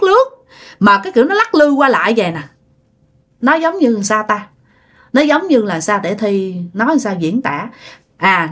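Lively Southern Vietnamese woman storyteller. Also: fairly high pitch. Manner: chatty, animated, repeats words for effect. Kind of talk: retelling listener ghost stories.

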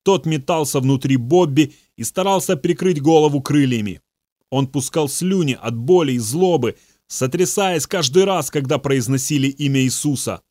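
A man reading a story aloud in an even, measured way. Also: on the high side, dry recording, studio quality. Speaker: audiobook narrator. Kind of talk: scripted narration.

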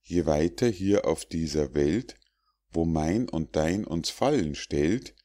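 A man voicing a polite, quick-witted squirrel who stays wary, in a storybook fable reading. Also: a bass voice, lively intonation, full character voice. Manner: courteous, gently mocking.

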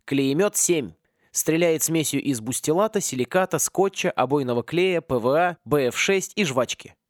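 A man's voice: on the high side, expressive, normal speed, dry recording, clean studio sound, natural voice. A man voicing a cocky, talkative teenage boy wizard in a storybook. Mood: cheeky.

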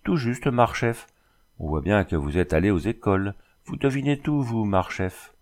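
A man's voice: fairly low pitch, animated, normal speed, close to an everyday voice. A man reading a boastful, fussy French army dragoon in an audiobook, raising his voice for the role. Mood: fawning. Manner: fussy, keeps repeating a title.

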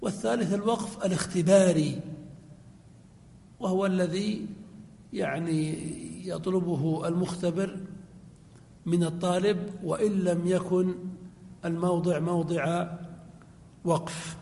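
A man, a sheikh, teaching a classical grammar lesson in a mosque, reading the text aloud and explaining it in a measured way, slowing down to intone quoted lines and verse. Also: high-pitched, fairly even intonation, vocal fry, dark tone. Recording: long hall reverb.

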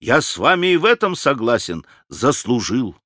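A male audiobook reader voicing a proud, indignant gentleman duelist, his questions sharp and raised. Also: medium pitch, sing-song, normal speed, no echo, studio quality. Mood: ironic. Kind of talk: audiobook character reading.

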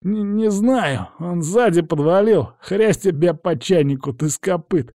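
A man's voice: lively intonation, a little slow, dark tone, no room sound, clean studio sound. A man voicing a cowardly young street thug who whines and pleads. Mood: nervous. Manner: whining, high-pitched, pleading.

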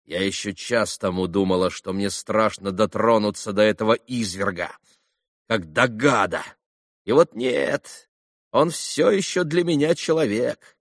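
A man reading an audiobook, voicing a proud, volatile young noblewoman who bursts into sharp, hysterical outcries. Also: lowish voice, unhurried, dry recording, clean studio sound. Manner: sharp, hysterical outbursts and urgent whispers.

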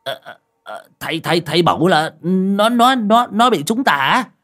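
A man doing a shrill, stammering bald old man. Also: expressive, moderate pace, fairly bright tone. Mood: mocking. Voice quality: shrill, stuttering.

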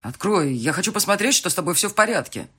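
A man playing a loud, oblivious fiancé. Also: high-pitched, big pitch swings, moderate pace, slightly rough, heavily acted. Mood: calling. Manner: loud, calling from behind a door. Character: anxious, oblivious young fiancé calling through a door. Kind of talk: audiobook dialogue reading.

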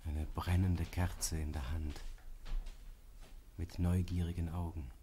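Deep, dark-voiced male narrator. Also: flat delivery, takes it slowly, a little hiss or hum. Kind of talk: scripted narration of stage directions.

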